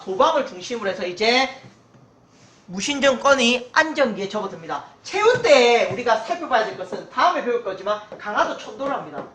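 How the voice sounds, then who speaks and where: Lively woman teaching in an echoey room. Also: a little high. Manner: lively, emphatic, repeats key terms and checks understanding. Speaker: history teacher. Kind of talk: online history lesson. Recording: echoey room with faint noise.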